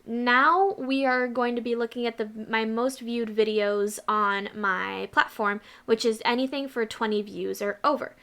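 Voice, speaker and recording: A woman's voice: fairly high pitch, steady tone, a little slow, few pauses, a bit bright, smooth. A woman hosting her own channel, chatting casually and rambling through a list of her past videos with asides. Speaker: channel host.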